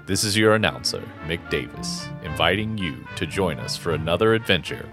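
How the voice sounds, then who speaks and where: A man announcing the closing credits of a radio drama in the manner of an old-time radio show, formal and measured. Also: low voice, expressive. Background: music.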